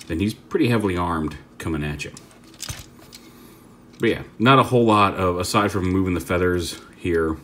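A man with a deep, low voice reviews a toy in a relaxed, off-the-cuff demo, fiddling with the piece on a tabletop. He rambles and corrects himself mid-sentence, and a faint hiss runs beneath his voice.

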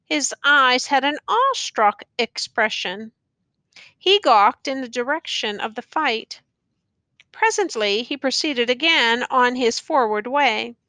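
Woman narrator, classic novel audiobook, slow deliberate reading, bright voice, dry close sound. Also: high-pitched, lively intonation, no echo.

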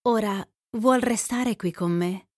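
A woman voicing a mysterious young country girl with a soft, teasing, knowing manner. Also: mid-range voice, slow, no echo, clean studio sound.

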